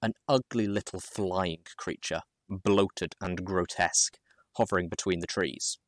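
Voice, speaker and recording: The narrator is a man with a low voice recounting a first-person tale, his intonation fairly even, his delivery dramatic and measured with deliberate pauses. The sound is dry, carrying barely any room ambience and no echo.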